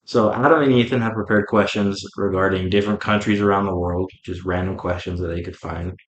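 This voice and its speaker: A young man co-hosting a casual chat show with friends, speaking in a relaxed, easygoing way. His voice sits a little low. The room around him is echoey. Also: a little fast, a little hiss or hum. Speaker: podcast co-host.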